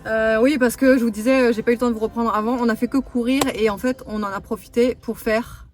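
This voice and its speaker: A woman in her thirties chatting fast in a casual vlog, with many fillers, recorded in a car. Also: fairly high pitch, steady tone, slight background noise. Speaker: vlogger. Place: parked car, then at home.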